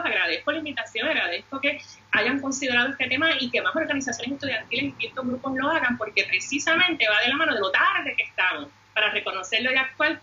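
A woman's voice: a little high, bright, forceful tone, lo-fi sound, slight background noise. A woman with a Puerto Rican Caribbean Spanish accent giving formal, advocating remarks as a panelist. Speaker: law school dean and panelist.

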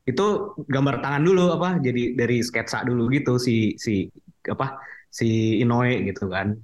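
A man, excitedly reviewing a film in casual podcast chat, full of fillers. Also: medium pitch. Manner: enthusiastic, fillers, slangy.

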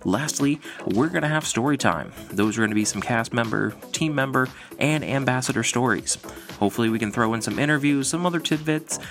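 A man's voice: mid-range voice, brisk, fairly bright tone, soft background music. A man from Florida with an American accent, introducing a podcast as host in a showman's ringmaster announcing manner. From Florida, USA.

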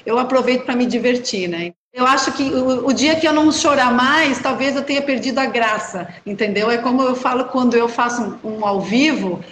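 A woman, a journalist and runner, telling stories in a chatty, animated way as an interview guest. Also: fairly high pitch, fairly quick, hardly any pauses, reverberant, slight background noise. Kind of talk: casual interview chat.

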